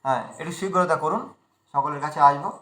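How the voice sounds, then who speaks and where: A man teaching recitation in an online class, repeating syllables slowly and explaining pronunciation. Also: fairly high pitch, sharp tone, echoey room, a little hiss or hum. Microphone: video call.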